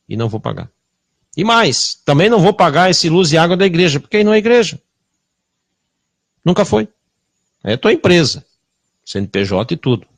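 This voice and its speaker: A man with a Brazilian Portuguese accent preaches a confrontational sermon packed with rhetorical questions, swinging from loud bursts to hushed asides. His voice is a little high, and there is no room sound.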